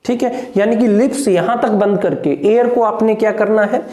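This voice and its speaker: A man teaching English phonetics in a patient, repetitive lesson, modelling each sound and often checking whether it is clear. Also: high voice, moderate pace, dark tone. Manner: patient, repeats sounds, keeps asking "clear?". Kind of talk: classroom lesson explaining consonant sounds. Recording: echoey room.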